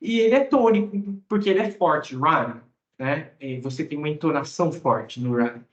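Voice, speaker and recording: A man's voice: on the high side, very animated, fairly quick. A Brazilian man, a native Portuguese speaker, explains English grammar as a teacher, often checking in with his listeners. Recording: roomy, dull lo-fi sound.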